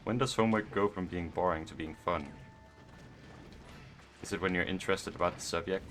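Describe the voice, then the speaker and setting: A young man thinks out loud while he plays a game, speaking in a flat, low monotone. His voice sits very deep, and faint music runs underneath. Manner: monotone, rambling, musing aloud. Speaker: gaming vlogger. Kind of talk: casual gameplay commentary.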